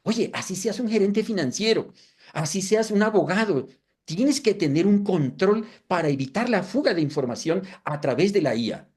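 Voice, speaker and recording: A man in his fifties runs a live webinar demo, his voice sitting high with a breathy edge at a moderate pace. He's lively, tossing rhetorical questions to the audience and making self-deprecating asides.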